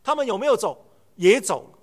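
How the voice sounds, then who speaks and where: 一位男传道人在讲道，语气生动，常模仿对话讲故事。. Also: male voice, sits high, a little fast, breathy edge. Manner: animated storytelling, acts out dialogue. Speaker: preacher. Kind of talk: sermon.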